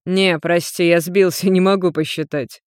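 A woman's voice: fairly low pitch, steady tone, moderate pace, clean tone, no echo, clean studio sound, lightly acted. A woman voicing a carefree, joking male demon who is centuries old, in a storybook reading. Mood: breezy. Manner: breezy, joking, scatterbrained.

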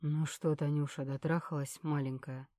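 A calm male security man questions a prisoner with cold, measured menace, voiced by a woman reading the story. His voice runs low and dark. There is no room sound around it. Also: no room sound, clean studio sound, lightly acted.

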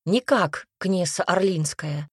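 A woman's voice: on the low side, slow, slightly rough, dry recording. A woman voicing a proud young noblewoman mage who answers with dry, caustic retorts.

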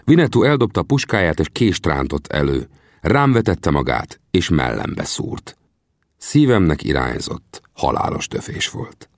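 A man's voice: deep voice, very animated, vocal fry, no echo, studio quality. A man narrating an adventure novel as an audiobook, in a dramatic storytelling manner. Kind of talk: scripted narration.

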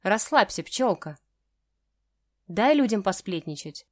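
A woman's voice: medium pitch, expressive, slow, no echo. A woman reading a reserved man in his forties, curt, restrained, audiobook, dry recording.

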